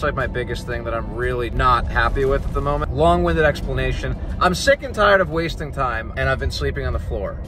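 A man in his twenties chatting casually to camera in a rambling, sweary, self-mocking way. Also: medium pitch. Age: 20s. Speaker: vlogger. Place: inside a car.

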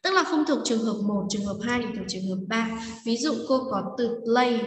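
A woman's voice: fairly high pitch, expressive, a little fast, a little hiss or hum. A woman teacher explaining a lesson step by step, patiently, with frequent check-ins with her students. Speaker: English teacher. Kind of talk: recorded classroom lesson explanation. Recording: echoey room, long reverb, voice distant from mic.

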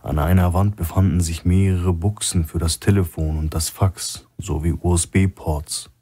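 Male narrator, very low voice, husky, measured, crime audiobook reading. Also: fairly even intonation, mellow. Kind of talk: scripted narration.

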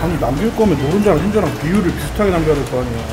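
A man's voice: a little high, expressive, rapid-fire. A young man playing a senior soldier in casual comic banter over a meal, bossy and grumbling. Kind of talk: improvised military role-play banter over a meal. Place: cafeteria, indoors. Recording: echoey room with loud music. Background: loud music.

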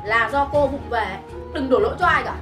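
An actress playing a harsh, scornful middle-aged mother-in-law, scolding in a sharp, contemptuous way. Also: high-pitched, normal speed, close to an everyday voice. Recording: roomy, with music underneath.

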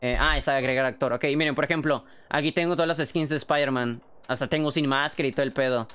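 A young man with a Mexican accent, chatting fast and excitably on a livestream, swearing freely while showing how he works. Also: mid-range voice, soft background music. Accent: Mexican Spanish. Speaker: streamer. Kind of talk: casual livestream chat.

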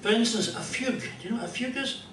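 An older Scottish comedian and musician with a fairly high voice tells stand-up stories on a small club stage in front of a band, delivering jokes in a dry, rambling way with pauses. He speaks into a stand mic but is filmed from a distant camera, so the sound is roomy club audio from far off, with clear room noise behind him.

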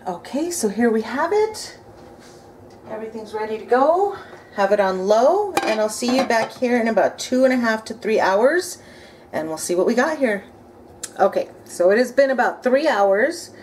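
A home cooking vlogger in her thirties speaks at a moderate pace with a fairly high, lively voice, thinking aloud as she cooks a recipe. Her casual, upbeat cook-along narration comes from an indoor home kitchen, where dishes, utensils, cutlery and pots clink clearly.

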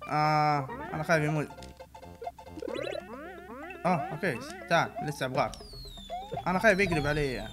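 A young man giving let's-play commentary, switching between muttering and loud outbursts. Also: fairly high pitch, fairly quick, long pauses, over music. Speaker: gaming channel host.

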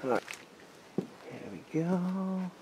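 A high-pitched, gravelly male voice with a sing-song lilt, speaking very slowly. The speaker is an American urban explorer vlogger in his forties, casually and wryly narrating as he explores inside and behind a derelict abandoned house, muttering asides to himself. Noisy handheld camera mic audio.

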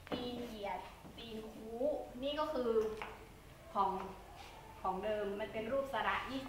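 A female teacher giving a classroom lecture at a blackboard, asking the class questions and repeating herself. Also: fairly high pitch. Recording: echoey classroom from far off, noisy.

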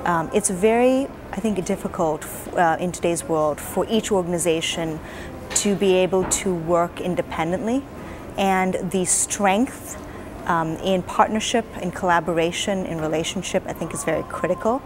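Seated in a hotel lounge, this advocacy director in her forties responds to an interviewer in an earnest, measured manner, often using fillers. Her pitch runs on the low side, and there is noise in the background.

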